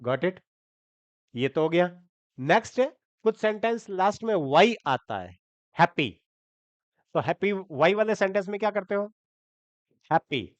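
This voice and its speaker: A man with a clear, smooth, fairly high voice teaches a grammar lesson, breaking words down slowly and checking in with his students. The sound is dry and close but a little dull. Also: very animated, dry recording. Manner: explains step by step, spells words letter by letter, asks checking questions. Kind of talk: Hindi-language grammar lesson.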